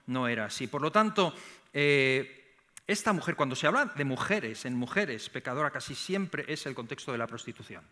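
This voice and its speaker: A middle-aged man with a Spain Spanish accent preaching a sermon in church, animated, often repeating words and rising to emphatic peaks. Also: medium pitch. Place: church sanctuary.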